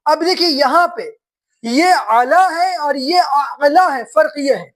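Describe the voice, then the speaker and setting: Lady teacher with a high voice, drawing out each syllable as she spells words for beginners. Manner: drawn-out syllable-by-syllable spelling, quizzing students. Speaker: Quran reading teacher.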